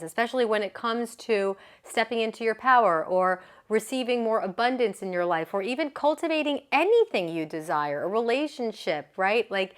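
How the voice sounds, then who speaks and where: A woman who coaches yoga businesses gives a motivational talk in a mid-range voice. She's chatty and earnest, frequently checks in with the listener, and laughs easily.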